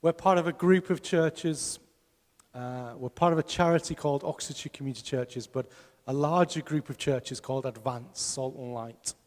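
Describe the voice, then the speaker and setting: A man's voice: mid-range voice, normal speed, a little mellow, big-room sound. A man preaching a sermon as pastor, emphatic and putting rhetorical questions to his congregation. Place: church hall.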